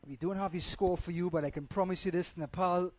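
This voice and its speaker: A man's voice: sits high, steady tone, fairly quick, darkish tone, slight background noise. A man commentating live on a cricket match as the play happens.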